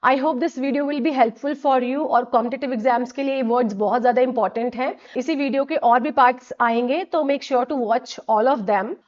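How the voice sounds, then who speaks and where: Woman teaching English words, lo-fi. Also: high voice. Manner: explains slowly, repeats key words, checks in with "ठीक है". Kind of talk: vocabulary lesson. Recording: dull lo-fi audio.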